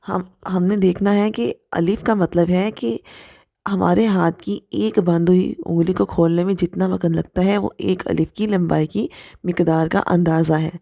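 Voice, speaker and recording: Gravelly-voiced woman teaching recitation. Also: on the low side, dark tone, dry recording, clean studio sound. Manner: patient, repeats and demonstrates letter sounds. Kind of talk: step-by-step tajweed lesson.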